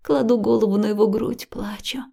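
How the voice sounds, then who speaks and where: A woman narrating a first-person audiobook in an intimate, emotional style, often slipping into a breathy whisper. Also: medium pitch, fairly even intonation, a little fast, mellow.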